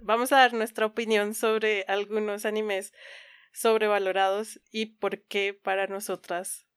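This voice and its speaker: A woman's voice: mid-range voice, flat delivery, measured pace, smooth, no echo. A woman co-hosting a podcast in casual chat, giggly and informal, often poking fun at herself. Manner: giggly, frequently laughing. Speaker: podcast co-host.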